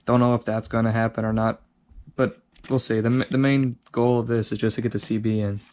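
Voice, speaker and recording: A man with a lowish, slightly dark voice hosts a casual DIY video, talking fairly quickly in a flat way and thinking aloud as he works with his hands. It's informal how-to narration, recorded clearly with some background noise and handling clicks.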